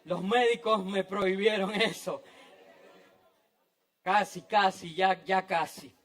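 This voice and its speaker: Man, pastor, church sermon, very high voice, unhurried delivery, dramatic swings from loud to hushed. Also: fairly even intonation, some chatter behind.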